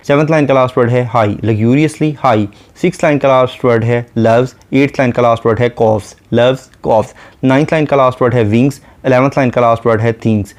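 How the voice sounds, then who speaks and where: Male literature teacher with a mid-range voice who reads poetry slowly and then explains it step by step. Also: medium pitch. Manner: reads verse lines slowly, then paraphrases and explains them; steady methodical listing. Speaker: literature lecturer. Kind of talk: explanatory lecture.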